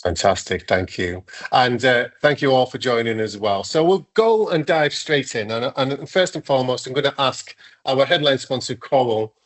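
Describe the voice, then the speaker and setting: A man's voice: medium pitch, animated, moderate pace, a bit bright. A man hosting a video-call webinar as founder of an awards, chatting enthusiastically with many restarts and fillers. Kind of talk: casual webinar chat.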